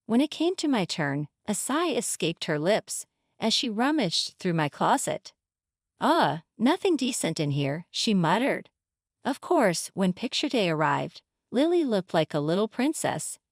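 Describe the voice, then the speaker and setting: A woman narrates a scripted first-person family story with dramatic storytelling. Her pitch swoops and moves a lot. The sound is dry and close, with no room around it. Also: no echo.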